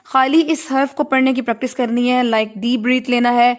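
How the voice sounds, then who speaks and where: A woman teaches Quran recitation online, patiently correcting her students and chanting verses to demonstrate how they should sound. Her voice is on the high side and steady in tone.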